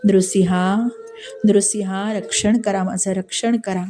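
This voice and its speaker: A woman storyteller voicing a calm, devout young queen who speaks earnestly and insistently. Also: medium pitch, slow pace, over music, close to an everyday voice. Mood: pleading. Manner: earnest, devoted, gently insistent.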